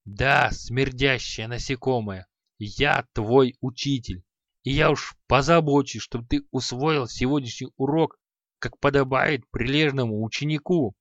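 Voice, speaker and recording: A harsh old sorcerer snarls out insults at his pupil , voiced by a man reading an audiobook. The voice comes loud and pressing, in a dry, slightly dull recording. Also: medium pitch, a little slow, no echo. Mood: furious. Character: cruel old male sorcerer teacher, harsh.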